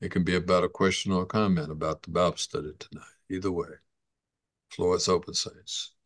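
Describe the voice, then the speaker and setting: Deep-voiced pastor leading Bible study. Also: male voice, little pitch movement, brisk, no echo. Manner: easygoing, invites the group to speak. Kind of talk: church Bible study teaching.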